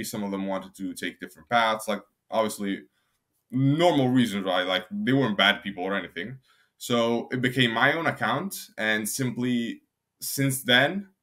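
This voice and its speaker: A man's voice: fairly low pitch, fairly bright tone. A young man from Albania, answering interview questions in a rambling, casual way with frequent restarts. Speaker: guest.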